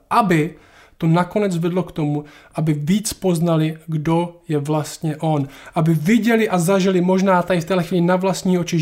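Man, somewhat high voice, earnest and explanatory; reads scripture and answers listener questions. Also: darkish tone. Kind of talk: Bible reading and explanation.

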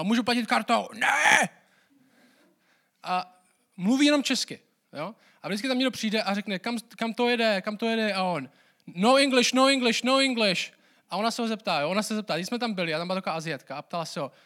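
A young man from the Czech Republic giving a casual, conversational sermon as pastor, telling lively stories with asides. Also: sits high.

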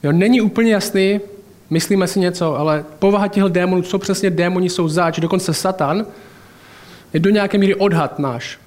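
A man's voice: high voice, a little mellow. A man preaching a sermon in a colloquial, chatty way, mixing in personal anecdotes and asides.

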